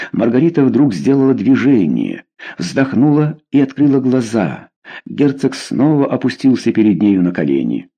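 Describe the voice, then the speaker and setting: Husky, lively male audiobook narrator. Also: on the low side. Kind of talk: scripted narration of a historical novel.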